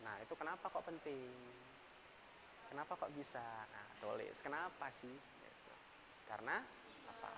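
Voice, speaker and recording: A man's voice: medium pitch, very animated, moderate pace, gravelly. A young male English teacher with an Indonesian accent, teaching a class, switching between Indonesian and English and coaxing answers with questions. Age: young adult. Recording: noisy classroom recording.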